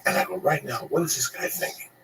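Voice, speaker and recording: A middle-aged Cuban comedian and radio host tells stories in casual, profane chat, his gravelly, medium-pitched voice moving fast and animated. The mic sits at a distance, with faint background noise.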